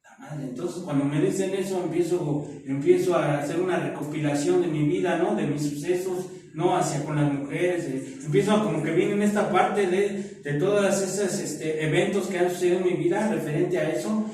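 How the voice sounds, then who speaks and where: A middle-aged Mexican man sharing his testimony at a support group meeting, speaking roughly and with profanity, punctuating nearly every phrase with "¿no?" and "¿verdad?". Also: a little high, normal speed, few pauses, a little mellow, a little hiss or hum. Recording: echoey room, far from the mic.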